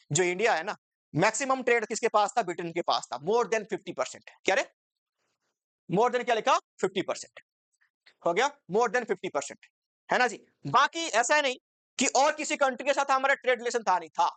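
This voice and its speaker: A woman teaches a commerce lesson in a conversational, exam-focused way, constantly quizzing her students with rhetorical questions. Her voice sits fairly high. The recording is dry, with no room sound. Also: a bit bright, dry recording. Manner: conversational, asks students rhetorical questions, mixes English terms into Hindi.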